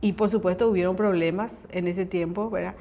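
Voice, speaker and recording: A middle-aged woman hosting a conversation, telling a personal faith testimony in a lively way and often checking in with her listener. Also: fairly low pitch, fairly quick. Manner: lively storyteller who acts out quoted dialogue; often asks listeners to confirm. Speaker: host sharing a personal testimony.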